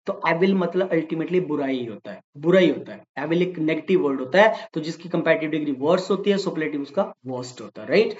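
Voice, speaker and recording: Man, teacher, high voice, patient explainer, dull lo-fi audio. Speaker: English teacher. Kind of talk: exam-prep grammar lesson. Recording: dull lo-fi recording.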